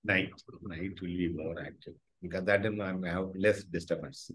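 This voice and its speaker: A man's voice: sits low, steady tone, moderate pace, a bit bright, breathy edge. A man in his forties with a Tamil accent, answering interview questions informally on a video call. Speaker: interview guest, professor. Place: small furnished room at home, video call. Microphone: video call device microphone.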